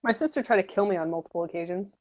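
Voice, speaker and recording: A woman's voice: medium pitch, animated, racing. A teenage girl chatting on a group livestream, telling stories about her family with giggles. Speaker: stream guest. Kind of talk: casual chat. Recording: dry, muffled call audio.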